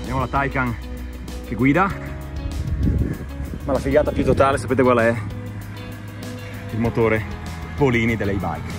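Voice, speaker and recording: A man's voice: mid-range voice, normal speed, pauses often. A man with an Italian accent, vlogging casually and enthusiastically outdoors about the cars he sees. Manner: enthusiastic, excitable, talks to viewers. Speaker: car vlogger. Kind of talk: casual vlog commentary. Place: outdoors in a mountain town. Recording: with music behind.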